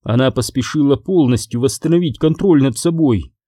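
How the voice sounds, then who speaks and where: A man reading a children's fantasy audiobook in measured storytelling. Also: medium pitch, warm tone, no echo, studio quality. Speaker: audiobook narrator. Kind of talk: scripted audiobook narration.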